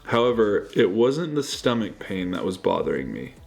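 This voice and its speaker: A man's voice: on the low side, big pitch swings, normal speed, gravelly, faint music behind. A man casually narrating his travel vlog as he goes. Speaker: travel vlogger.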